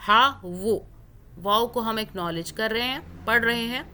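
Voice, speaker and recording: A woman teaching Quran recitation rules step by step, drawing out the recited words slowly. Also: on the high side, sharp tone. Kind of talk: tajweed lesson with recited examples.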